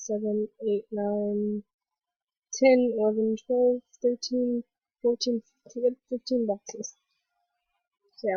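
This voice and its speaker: A young woman with a stuffy cold voice hosting a casual gaming commentary vlog, rambling excitedly with lots of fillers. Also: mid-range voice, slightly rough, no echo. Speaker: gaming video host. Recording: dull lo-fi voice recording.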